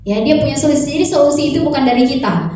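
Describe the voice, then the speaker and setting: A woman teacher and mother calmly explaining a classroom lesson, posing many rhetorical questions. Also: high voice, very fast, slight background noise. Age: adult mother. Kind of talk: sharing a lesson reflection. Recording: echoey room, voice far from mic.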